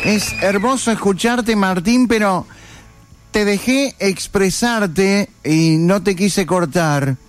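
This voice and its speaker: A man's voice: sits high, takes it slowly, soft background music. A man with a Rioplatense accent hosting a radio interview, asking questions with enthusiasm. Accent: Rioplatense Spanish. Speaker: radio host.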